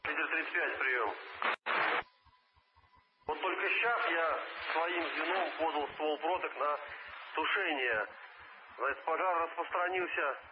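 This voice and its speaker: Firefighter man reporting over a two-way radio. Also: on the high side. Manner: terse and formal, ends transmissions with "over". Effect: heard over a two-way radio. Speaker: firefighter crew leader. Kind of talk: procedural radio reports with call signs. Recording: muffled radio transmission with faint hiss.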